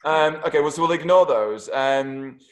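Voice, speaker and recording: A man's voice: fairly high pitch, moderate pace, slight background noise. Jokey podcast host man, swearing freely. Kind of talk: casual podcast chat, reading listener questions.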